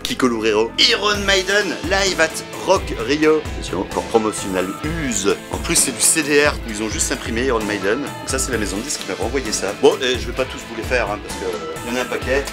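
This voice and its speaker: Lively-voiced man rummaging through his closet. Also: medium pitch, a little fast, hardly any pauses, music in the background. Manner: rambling, swearing, self-mocking. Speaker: YouTuber. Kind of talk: casual vlog chatter. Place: cluttered apartment, clearing a closet.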